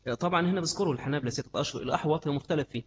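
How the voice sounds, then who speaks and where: A man's voice: fairly high pitch, racing, slight background noise. A man with an Egyptian Arabic accent giving an Islamic study lesson, repeating key words and quizzing his class. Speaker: religious teacher.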